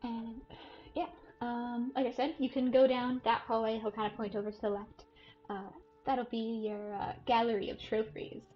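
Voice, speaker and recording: A woman running a tabletop game as dungeon master, describing scenes in a relaxed way with fillers, on a muffled lo-fi recording. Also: a little high, normal speed, faint music behind.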